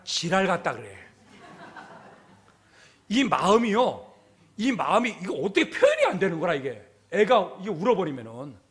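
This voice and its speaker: A man's voice: high-pitched, a bit bright. A man pastor preaching a sermon in a church, emphatic and full of rhetorical questions. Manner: emphatic, repeats "everyone" and asks rhetorical questions. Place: church sanctuary.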